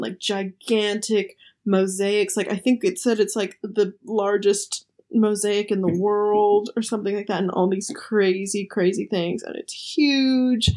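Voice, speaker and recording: A woman's voice: mid-range voice, a little mellow. A young woman co-hosting a podcast, describing things in a chatty way with many fillers. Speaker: podcast co-host. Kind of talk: casual chat.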